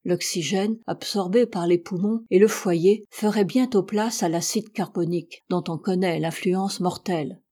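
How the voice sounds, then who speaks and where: A woman reading a classic adventure novel aloud in a steady, measured narration. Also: lowish voice. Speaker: audiobook reader.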